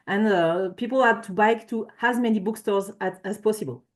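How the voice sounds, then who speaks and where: A woman's voice: medium pitch, moderate pace. A woman giving a conference presentation with slides, speaking hesitantly with frequent fillers and self-corrections.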